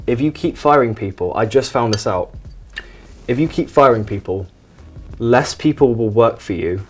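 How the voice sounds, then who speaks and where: In a soft, low, relaxing voice, the host of a painting show delivers his lines deadpan, like a mock documentary. He tends to ramble, sounding evasive and defensive.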